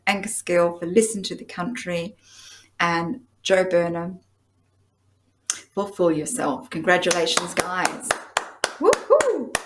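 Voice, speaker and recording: A woman's voice: fairly low pitch, fairly bright tone, slight background noise. A woman hosting a live awards presentation, effusive and affectionate toward the winners. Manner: effusive, calls people "my girl" and "darling". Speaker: host announcing winners.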